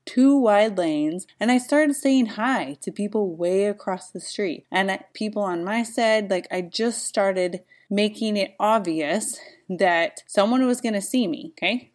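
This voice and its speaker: A woman runner and coach telling personal safety stories in a casual, emphatic way, speaking straight to viewers. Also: on the low side. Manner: emphatic, animated storytelling with direct asides to viewers. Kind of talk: casual storytelling vlog.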